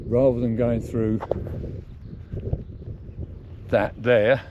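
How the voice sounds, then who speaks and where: A man, a motorcycle vlogger, talking casually to camera outdoors on a high mountain trail, thinking aloud in a chatty, plain-spoken way. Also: level tone, drawn-out words, muffled recording. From England. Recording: noisy outdoor recording.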